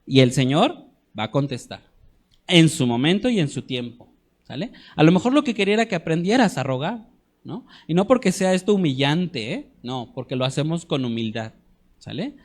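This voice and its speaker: A man teaching a church discipleship class, earnest, often checking in with his listeners and slowing down to stress scripture. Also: a little high, sing-song.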